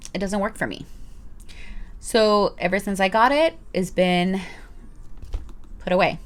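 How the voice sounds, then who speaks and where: A woman in her thirties reviewing her purchases in a casual, chatty vlog, rambling with playful asides. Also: medium pitch. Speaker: vlogger.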